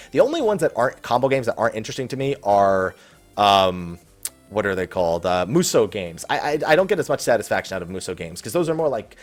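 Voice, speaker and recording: With faint music in the background, an animated man with a medium-pitched voice hosts a gaming Q&A show. He reads viewer questions aloud and rambles casually in unscripted commentary.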